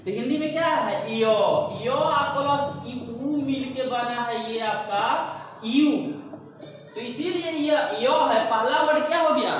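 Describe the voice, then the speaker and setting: A man's voice: extremely high pitch, measured pace, a bit bright. A man with a Hindi accent teaching an English grammar lesson in a classroom, asking the class questions and answering them himself. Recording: echoey room, distant mic, faint hiss.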